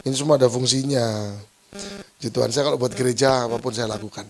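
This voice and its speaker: A man's voice: medium pitch, fast. A male pastor with a Surabaya accent preaching a playful, joking sermon to his church, teasing the congregation and laughing often. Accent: Surabaya Javanese-flavored Indonesian. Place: church service.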